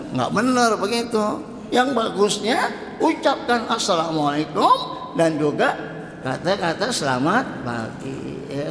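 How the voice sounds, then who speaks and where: Lively high-voiced man preaching in an echoey hall. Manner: lively, conversational, drawn-out quoted greetings. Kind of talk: mosque dawn study lecture. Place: mosque hall. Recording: echoey mosque hall with faint rumble.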